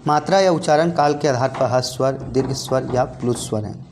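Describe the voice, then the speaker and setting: A man's voice: medium pitch, fairly quick, darkish tone, slight background noise. A man with a Jharkhand Hindi accent teaching an exam-prep grammar lesson, repeating points and asking and answering his own questions.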